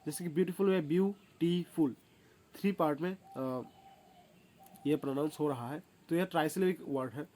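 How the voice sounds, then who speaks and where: A man with a slightly high voice teaches a grammar lesson in a loose, conversational way. He stops often with filler sounds, corrects himself mid-sentence, and slows right down when he reads the rules out word by word. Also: a little mellow. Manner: hesitant, many filler sounds and self-corrections; reads English rules slowly and deliberately. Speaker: English teacher. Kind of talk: casual explanatory grammar lesson.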